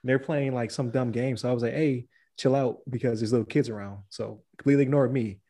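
A man with a mellow, warm voice tells a story at an easy pace. He sounds relaxed and laughs often as he goes. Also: mid-range voice, quick pace. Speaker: podcast co-host. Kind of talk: casual chat.

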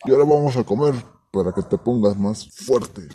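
A man voicing a big, proud father lion in a children's audio story, speaking warmly and reassuringly. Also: medium pitch, fairly quick, slight background noise, close to an everyday voice. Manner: warm, reassuring.

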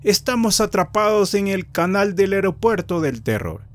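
A man's voice: high voice, big pitch swings, moderate pace. A man playing a skeptical young male pilot who grows alarmed, asking short, urgent questions. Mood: tense.

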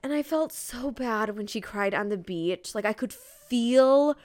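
Her voice sits on the high side, a little slow and a little mellow, with lively intonation. This podcast co-host is having a casual chat about a romance novel, gushing emphatically and leaning heavily on "like" and youthful, informal fillers.

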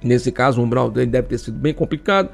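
A man's voice: medium pitch, lively intonation, fast talker, creaky, faint music behind. A man with a Brazilian accent hosting a talk show, chatty and joking as he speaks to listeners. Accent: Brazilian Portuguese. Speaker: radio and web show host. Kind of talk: casual talk show monologue.

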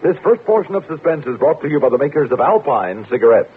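A man reading a scripted drama introduction as an old-time radio announcer, measured and theatrical. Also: fairly high pitch, big pitch swings, background noise. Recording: tinny vintage radio recording, faint music.

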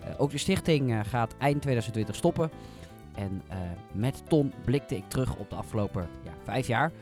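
A man's voice: mid-range voice, expressive, normal speed, darkish tone, soft background music. A man hosting an informal radio and podcast interview in a conversational way.

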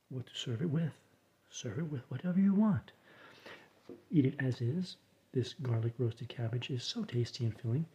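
Man, mellow dark voice, soft and half whispered, deadpan asides, faint hiss behind. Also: mid-range voice. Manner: soft, slow, often whispered delivery. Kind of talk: quiet reflective readings and recipe read-aloud.

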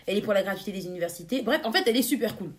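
A young woman co-hosting a casual podcast, bubbly, laughing often and filling pauses with hesitations. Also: mid-range voice, expressive. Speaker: podcast co-host.

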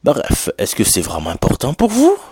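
A man's voice: medium pitch, wildly swooping pitch, normal speed, a little mellow, husky, dry recording. A young man from Quebec with a Québécois French accent that has a slight Haitian touch, hosting his own podcast in a chatty, rambling solo monologue full of fillers and English slang. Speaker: podcast host.

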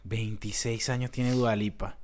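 A man co-hosting a podcast, bantering casually, quick to agree and often laughing. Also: fairly low pitch, steady tone, a little mellow. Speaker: podcast co-host. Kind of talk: casual gossip chat.

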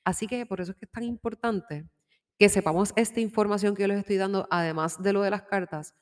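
A woman's voice: mid-range voice, a little fast. Woman reading tarot cards, chatty, drops english words in, long reverb on the mic. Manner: chatty, mixes in English words, laughs often. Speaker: tarot reader. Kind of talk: casual spiritual guidance talk. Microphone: microphone with headphones.

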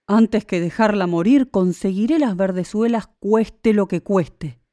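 A desperate husband from a storybook tale, voiced by a woman reader, pleading and earnest. His lines sit slightly lower than the narration. The recording is close and dry. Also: measured pace, dark tone, no room sound, close to an everyday voice. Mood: determined.

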